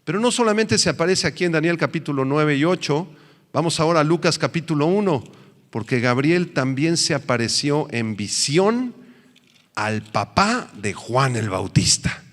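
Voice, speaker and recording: A man's voice: fairly high pitch, animated, normal speed, a bit bright. Man preaching in a reverberant hall. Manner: asks the congregation questions and answers them himself. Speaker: pastor. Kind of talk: teaching sermon.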